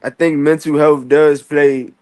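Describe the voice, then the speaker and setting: A man's voice: on the high side, little pitch movement, a little slow, darkish tone, no room sound. A man in a casual podcast chat, talking in a laid-back, slangy way and repeating his point.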